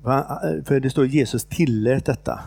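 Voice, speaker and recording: This informal sermon features a man paraphrasing a Bible story with no script. Halting, filler-heavy, and prone to restarts, he speaks in a gravelly middle-pitched voice with creaky fry, captured in a close recording with no echo.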